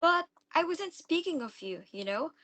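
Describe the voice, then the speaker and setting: A woman's voice: extremely high pitch, very animated, normal speed, sharp tone, full character voice. A woman acting a bold, mocking young stepdaughter in a dramatic stage-play reading. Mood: mocking, insistent.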